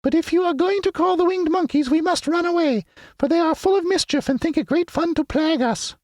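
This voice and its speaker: Squeaky tiny mouse queen, as a man puts her on. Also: fairly quick, darkish tone, no room sound, clean studio sound. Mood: kindly. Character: tiny gracious female queen of mice.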